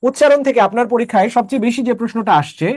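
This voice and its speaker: A man with a high voice teaches a class. He explains patiently step by step and keeps asking whether students follow. The sound is close and dry. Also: racing, darkish tone, dry recording. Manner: explains step by step, checks understanding with questions. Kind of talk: online class lecture.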